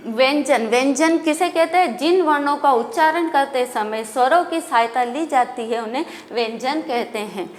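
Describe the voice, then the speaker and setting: A woman school teacher giving a lesson in a slow, deliberate way, asking questions and answering them herself. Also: high-pitched, big-room sound. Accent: Indian Hindi.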